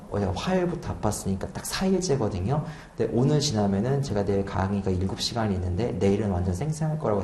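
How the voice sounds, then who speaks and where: In a lecture room, a man in his twenties who teaches exam prep chats casually, laughs often, and pokes fun at himself. His voice is fairly low with a dark tone, and the recording has an echoey room and a faint hum.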